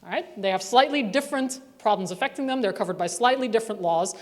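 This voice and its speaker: A woman researcher presents a report at a conference, conversational and wry with asides, in a reverberant hall. Her voice sits on the high side with a quick pace, and she is not from Northern Ireland.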